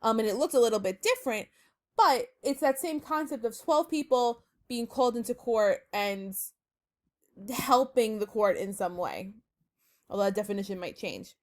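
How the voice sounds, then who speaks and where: Young woman teacher, bright-voiced and chatty, upbeat home-lesson delivery. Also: fairly high pitch, expressive, normal speed. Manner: chatty, upbeat, filler-heavy, addresses students as friends. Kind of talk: casual recorded online lesson.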